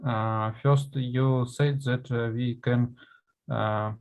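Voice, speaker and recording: Hesitant man asking slowly. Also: mid-range voice, fairly even intonation, darkish tone. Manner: hesitant, halting with many fillers. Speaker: workshop participant. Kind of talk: asking a question on a video call. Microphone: video call.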